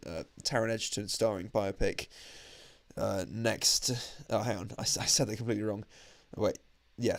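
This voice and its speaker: A man's voice: lowish voice, no echo. A young man with a slightly nasal voice from allergies, giving a chatty, enthusiastic podcast-style film review into his own microphone, with frequent fillers. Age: young adult. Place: indoors at a holiday stay.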